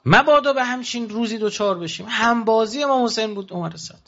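With lively intonation and a bright, forceful tone, a man preaches fervently to pilgrims. He asks rhetorical questions while his voice jumps sharply up and down, and the recording has its high frequencies cut off.

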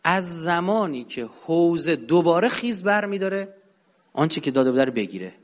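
A man with a high voice lectures with force, swinging between loud peaks and low asides. The sound is dull and lo-fi, with a long hall reverb trailing behind him. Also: very animated. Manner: emphatic, rising and dropping sharply. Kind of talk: religious-political lecture.

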